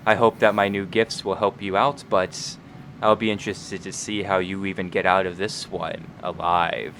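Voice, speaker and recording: A low-voiced man playing a sinister spirit in a tabletop game. He is sly and scheming, taunting slowly and drawing out his words as music plays underneath. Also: little pitch movement, fairly bright tone, slight background noise. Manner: sly, taunting, slow and drawn out. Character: sinister scheming male spirit voice in the mind, mocking.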